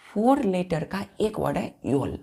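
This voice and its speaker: Slow, gravelly-voiced woman teaching vocabulary. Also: on the low side, very animated, dark tone. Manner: slow, spells words letter by letter and repeats answers; asks pupils questions and answers them herself. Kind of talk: vocabulary lesson for students.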